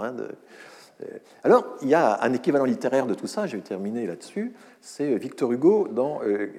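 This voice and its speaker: Male academic lecturer, low and mellow, halting, filler-heavy delivery, long hall reverb. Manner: hesitant, many fillers and restarts, wry asides. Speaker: university lecturer.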